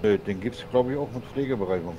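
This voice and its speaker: Ein Mann, der locker im Rollenspiel plaudert und über eine Telefonverbindung zu hören ist, mit deutlichem Rauschen im Hintergrund. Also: male voice, on the low side, fast talker, background noise. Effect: heard over a phone call. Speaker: farming roleplay player. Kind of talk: casual roleplay phone chat.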